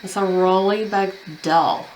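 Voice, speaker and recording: A woman's voice: mid-range voice, fairly even intonation, unhurried, darkish tone, slight background noise. A young woman chatting casually as a beauty vlogger while painting her nails, rambling along with lots of fillers.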